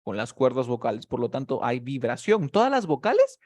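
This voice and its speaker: A man teaching a one-on-one English lesson on a video call, explaining patiently in Spanish, modeling each sound slowly and checking often that his student follows. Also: mid-range voice, big pitch swings, darkish tone.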